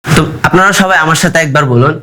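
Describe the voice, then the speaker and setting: Bright-voiced teenage boy teaching class. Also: on the high side. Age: teens. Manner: explains slowly, spells words letter by letter. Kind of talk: classroom lesson.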